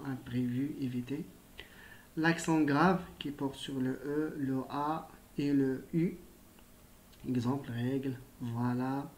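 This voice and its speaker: A man teaching a spelling lesson to primary school pupils, speaking slowly and patiently and addressing them directly. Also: a little high.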